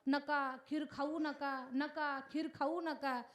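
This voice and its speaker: A woman's voice: sits high, level tone, slow pace. A woman doing a pleading, selfless male frog. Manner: pleading, earnest. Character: brave pitiful male frog, anxious and selfless.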